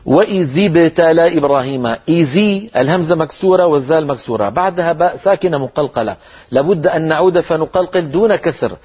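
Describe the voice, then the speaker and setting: Husky-voiced man teaching Quran recitation. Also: fairly high pitch, a little mellow. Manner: explains rules, then demonstrates words slowly.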